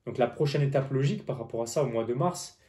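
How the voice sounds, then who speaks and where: This man reads tarot informally for the viewer at a quick pace, his mid-range voice dark-toned. He hesitates as he explains, repeats himself, and lisps lightly on his s sounds.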